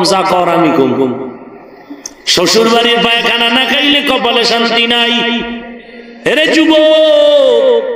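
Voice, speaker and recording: A Bangladeshi man preaching an impassioned sermon, chanting and singing phrases and shouting rebukes. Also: sits high. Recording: echoey open-air sound system heard from a distance.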